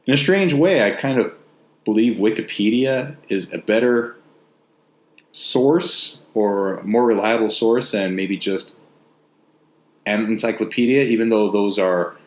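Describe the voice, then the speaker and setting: Male host, West Texas twang, lowish voice, casual and anecdotal, recorded in an echoey room. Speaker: novelist and host. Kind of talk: casual, rambling spoken monologue. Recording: roomy, echoey sound.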